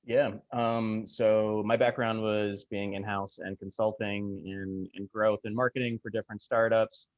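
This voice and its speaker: A man moderating a panel over a video call, talking casually with many ums and pauses. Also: fairly low pitch, no echo. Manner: relaxed, hesitant with many fillers. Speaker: panel moderator, executive recruiter. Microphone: video call microphone. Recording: dry, dull lo-fi video call audio.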